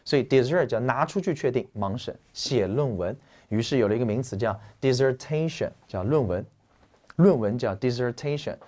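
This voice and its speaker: A male teacher lectures on English vocabulary at an ordinary middle pitch. He explains with a lively, joking energy and tosses in casual slang to keep students awake. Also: normal speed.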